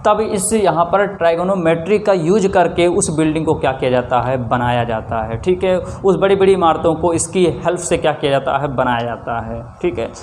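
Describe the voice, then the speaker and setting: A man's voice: on the high side, moderate pace, hardly any pauses, darkish tone, slight background noise. A man teaching maths with a north Indian Hindi accent. He keeps asking rhetorical questions, answers them himself and checks in with frequent "theek hai". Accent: Hindi-speaking north Indian. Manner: often adds a checking 'theek hai'. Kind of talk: classroom lesson.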